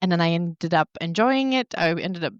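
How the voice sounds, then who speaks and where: Low-voiced woman telling her story. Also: animated, moderate pace, dry recording, dull audio. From born in Poland, raised in England. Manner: reflective, open storytelling with small laughs. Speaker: guest, yoga teacher and wellness coach. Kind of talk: interview answers, personal story.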